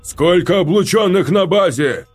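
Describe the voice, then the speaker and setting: A hard-bitten army captain barks short, clipped orders at his men, played by a man reading a story aloud. His husky voice is pushed up and loud. He sounds stern and impatient. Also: high voice, animated, measured pace, soft background music, voice pushed up, exaggerated voice. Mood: interrogating. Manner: barking terse orders.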